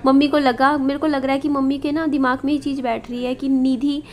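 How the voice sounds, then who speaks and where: A woman's voice: high voice, little pitch movement, fairly quick. A woman in her thirties filming a home vlog as she walks through a house indoors, talking confidingly to her viewers and putting rhetorical questions to them. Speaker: vlogger.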